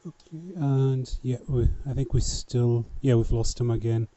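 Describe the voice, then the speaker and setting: A man's voice: mid-range voice, flat delivery, normal speed, warm tone. A man with a thick Scottish accent hosting an informal live panel chat over an online call. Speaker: host of a live panel show. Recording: muffled online call audio.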